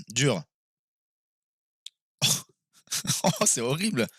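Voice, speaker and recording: A man streaming live and playing a quiz game with his viewers, excitable and quick to exclaim and swear when he is stuck. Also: medium pitch, breathy edge, no echo, clean studio sound.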